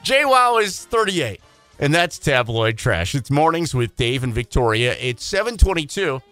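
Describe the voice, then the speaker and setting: A man co-hosting a radio morning show, chatting casually in a quick, joking, self-deprecating way. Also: fairly high pitch, big pitch swings, fairly bright tone, smooth, no echo, faint music behind.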